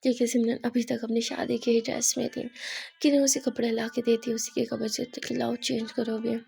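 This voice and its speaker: A woman's voice: on the high side, flat delivery, vocal fry, warm tone, slight background noise. A woman narrating a love story in a chatty, casual storytelling style. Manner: chatty, plain retelling with quick asides.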